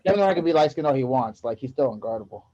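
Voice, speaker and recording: A man hosting a casual basketball podcast, excitable and prone to getting loud. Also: medium pitch, very fast. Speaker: podcast host. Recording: dull lo-fi audio.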